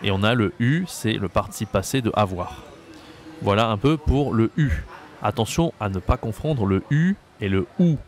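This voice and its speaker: A man teaching French pronunciation, slowly repeating each example word with patient explanations. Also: fairly low pitch, expressive.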